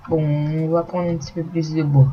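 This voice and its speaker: A man narrating a let's play in a soft voice, swearing when startled, on a dull lo-fi recording with faint noise. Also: on the high side, little pitch movement. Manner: talks softly and slowly, swears when startled. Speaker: gameplay commentator.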